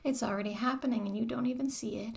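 A woman playing a mocking, controlling former dominatrix in a whispered audio roleplay, talking to the listener in a slow, taunting way. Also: fairly high pitch, steady tone, vocal fry, a little mellow.

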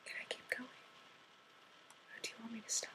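In an intimate audio roleplay aimed at the listener, a woman speaks in a soft, half-whispered voice at a measured pace, coaxing and gently giving commands.

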